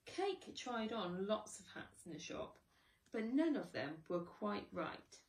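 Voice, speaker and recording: A preschool teacher reads a picture book to children, slow and gentle. Her voice rises and falls expressively. The recording is echoey, with her somewhat away from the mic. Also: mid-range voice, sing-song, distant mic. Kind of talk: children's storybook read-aloud.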